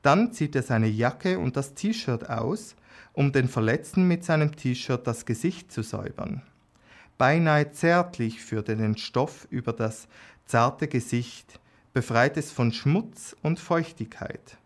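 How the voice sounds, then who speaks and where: Slow, calm male storyteller. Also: medium pitch. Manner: slow, calm reading with small slips and restarts. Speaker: narrator. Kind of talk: audiobook reading of an erotic story.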